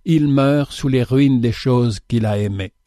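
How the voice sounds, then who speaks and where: Guy reading an audiobook story, mellow dark tone, dry booth sound. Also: mid-range voice, a little slow, dry recording. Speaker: audiobook narrator. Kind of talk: scripted narration of a religious allegory.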